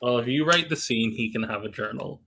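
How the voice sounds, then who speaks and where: A man's voice: mid-range voice, a little fast, bright, forceful tone, a little hiss or hum. A man in a casual group podcast chat, looking things up while he talks.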